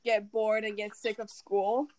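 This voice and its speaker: A woman's voice: mid-range voice, flat delivery, unhurried, over a noisy crowd, low-quality recording. A young woman from Turkey, a native Turkish speaker, chatting casually as a podcast co-host, full of "like" and easy laughter. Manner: chatty, many fillers, laughs easily. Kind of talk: casual chat.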